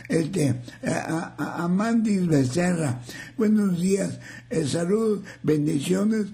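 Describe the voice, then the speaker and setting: Older man, radio host, folksy, joking, high voice, gravelly. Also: dark tone. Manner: folksy, joking, slow and drawn out. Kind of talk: reading listener messages on live radio.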